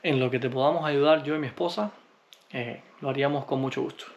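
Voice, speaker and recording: Relaxed man answering viewer comments. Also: mid-range voice, highs cut off. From Cuba. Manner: relaxed, unhurried, with frequent hesitations. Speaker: vlogger.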